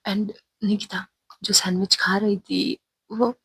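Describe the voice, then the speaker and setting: A woman narrating a romance story in a relaxed, conversational way, dropping English words into her telling. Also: mid-range voice, takes it slowly, breathy edge, no room sound, rough recording.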